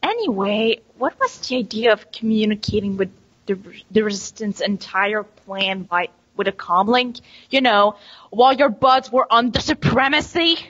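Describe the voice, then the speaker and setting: A woman's voice: medium pitch, lively intonation, moderate pace, a bit bright, no room sound, dull audio. A woman asking questions in a casual comic mock interview, wry and a little exasperated. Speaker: panel interviewer.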